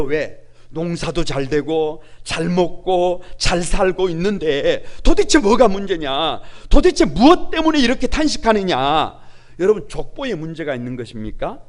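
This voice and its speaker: A male pastor preaching a sermon with passion, firing off rhetorical questions and swinging between hushed and loud delivery. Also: high-pitched.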